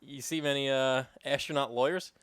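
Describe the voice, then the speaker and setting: A man's voice: medium pitch, fairly even intonation, moderate pace, fairly bright tone, clear, resonant tone, no room sound, studio quality. A man with a New York accent co-hosting a podcast, teasing his friend with hypothetical questions in casual banter. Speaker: podcast co-host.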